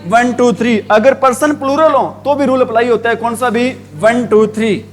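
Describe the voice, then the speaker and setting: In a Hindi classroom lesson on English grammar, a man with a very high-pitched, steady voice keeps asking the same questions in a call-and-response pattern. He draws out each word as he spells it.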